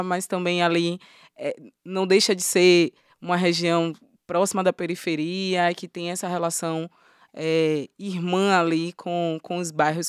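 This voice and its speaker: A woman hosts a podcast conversation, her voice sitting a little low. She speaks thoughtfully, pausing and filling gaps as she goes. The sound is dry and close to the mic. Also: clean tone, dry recording. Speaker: podcast host.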